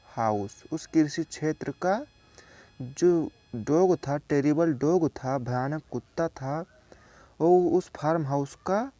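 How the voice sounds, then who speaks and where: A man's voice: on the high side, mellow. A young man from India, a student, teaching English by explaining a simple story word by word and repeating each meaning.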